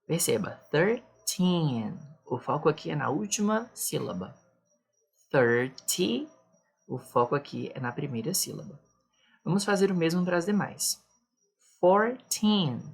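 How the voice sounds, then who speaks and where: A woman's voice: sits low, gravelly, breathy edge. A woman teaching a beginner lesson, patiently explaining each point twice. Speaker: English teacher.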